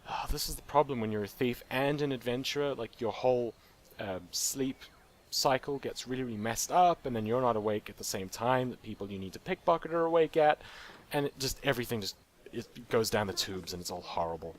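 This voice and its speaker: With a mid-range voice, lively intonation, and a fairly quick pace, a man narrates his own gameplay as a let's play gamer. He's playful and jokey, casually talking to the game's characters as he goes.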